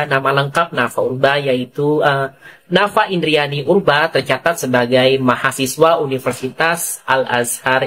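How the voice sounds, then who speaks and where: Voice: mid-range voice, fairly bright tone. A narrator reading scripted gossip news commentary, rhetorical and addressing viewers directly.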